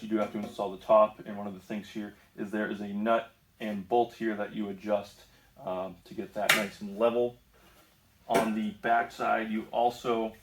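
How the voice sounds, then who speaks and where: A man's voice: lowish voice, very noisy. Man reviewing tools in an echoey workshop. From northeast United States. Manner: easygoing, frequent ums and self-corrections. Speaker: tool reviewer. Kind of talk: casual product review. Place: home woodworking shop.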